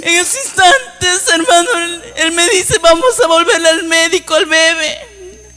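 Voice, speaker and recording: A woman's voice: very high voice, measured pace, sharp tone, soft background music. A woman giving an emotional church testimony, tearful and pleading, often calling out to her listeners as brothers. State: crying at times.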